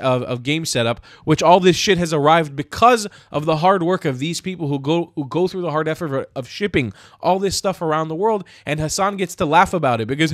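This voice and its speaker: Recorded on a studio mic on a stand with headphones in a small room, this young man from the US delivers an angry, sarcastic online commentary rant laced with swearing. His voice sits on the high side, fairly bright, with no room sound.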